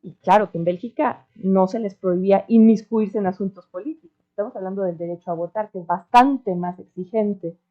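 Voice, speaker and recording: A woman's voice: medium pitch, brisk, hardly any pauses. Mexican woman, earnest panel speaker. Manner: earnest, ironic asides, tag questions. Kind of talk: academic panel discussion. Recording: dull lo-fi recording.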